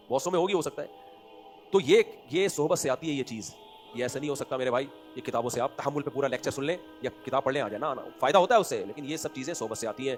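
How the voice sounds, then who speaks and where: A man with a Pakistani Urdu accent giving an Islamic sermon, swinging between loud emphatic points and quiet asides, asking rhetorical questions and answering them himself. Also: mid-range voice. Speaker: religious scholar giving a lecture.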